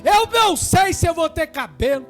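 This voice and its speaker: A Brazilian man preaching a sermon at a church service, swinging between quiet talk and shouting with fervor. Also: extremely high pitch, animated, normal speed. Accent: Brazilian Portuguese. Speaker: pastor.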